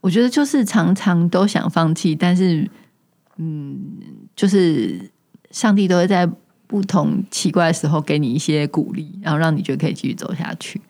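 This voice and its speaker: A woman's voice: deep voice, animated, moderate pace. Modest Taiwanese businesswoman guest. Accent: Taiwanese Mandarin. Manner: reflective, modest, lots of soft affirming murmurs. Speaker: entrepreneur guest. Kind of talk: casual interview chat.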